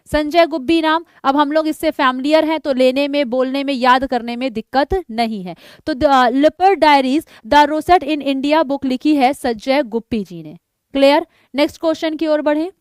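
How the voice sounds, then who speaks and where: A woman with a high voice teaches a live exam-prep class. She talks in a chatty way and drills the answers over and over. The sound is dry and close, with no room echo. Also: normal speed. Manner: drills answers by repeating them, reads out student names; chatty, jokes about names.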